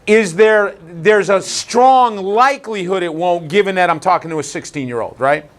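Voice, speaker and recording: A man runs an umpire training session in a meeting room, his voice sitting a little high. He teaches in a Socratic way, keeps asking the group questions and acts out quick exchanges with players. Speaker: umpire clinic instructor.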